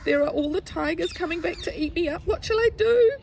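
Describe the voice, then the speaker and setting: A woman's voice: high voice, big pitch swings, measured pace, slight background noise, pitched above the performer's own voice, heavily acted. A woman voicing a frightened, polite little boy who pleads his way through a storybook tale.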